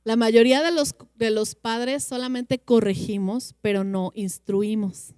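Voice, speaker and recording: Woman, Mexican Spanish accent, earnest church teaching, mellow dark tone, smooth clear voice, dry close sound. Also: fairly high pitch, fairly even intonation, no room sound. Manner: earnest, slows down for emphasis and acts out children's replies. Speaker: church parenting class teacher. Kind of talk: teaching talk with Bible quotes.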